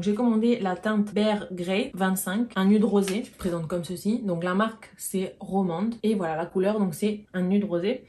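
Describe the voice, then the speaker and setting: Mellow-voiced woman chatting through a beauty haul. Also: mid-range voice, a little hiss or hum. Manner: chatty, explains products while showing them to viewers. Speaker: beauty vlogger. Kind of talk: casual product haul chat.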